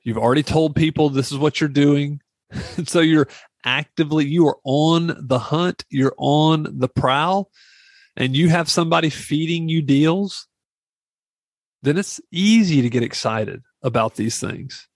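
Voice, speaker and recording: A man's voice: on the high side, measured pace, dry recording. A middle-aged man hosting a podcast, giving informal advice in a rambling, repetitive monologue. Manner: rambling, repeats phrases for emphasis. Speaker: real estate investing podcast host.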